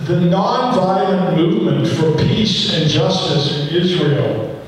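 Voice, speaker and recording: An older man speaking deliberately at a panel discussion, with many fillers, into a handheld mic in a large brick hall. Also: sits high, slight background noise. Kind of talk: public comment at a panel discussion. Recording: echoey hall from far off.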